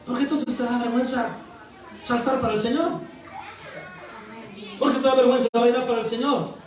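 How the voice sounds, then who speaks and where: A man's voice: extremely high pitch, fairly even intonation, a little fast. A male pastor from Mexico preaching a sermon, with emphatic bursts and rhetorical questions. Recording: echoey hall, voice from a distance.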